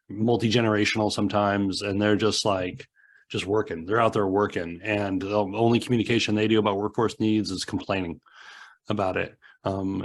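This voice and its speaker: A man speaking casually on a panel discussion, often using filler words. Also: lowish voice.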